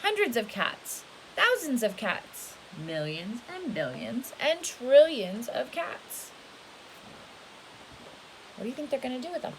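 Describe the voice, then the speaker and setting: Speaking slowly with big pitch swings, a woman with a slightly high voice reads a picture book to children. She's instructive and often checks in with questions, in a rough home recording with faint hiss.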